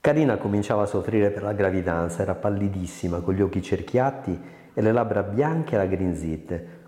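A man's voice: fairly low pitch, dark tone. A man reading a novel aloud expressively, giving the characters their own voices. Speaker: narrator. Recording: echoey reverberant room.

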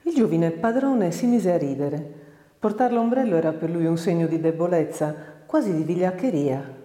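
A woman giving a measured, expressive literary reading of a short story, recorded with a roomy echo. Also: fairly low pitch. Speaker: audiobook narrator. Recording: roomy reverberant room.

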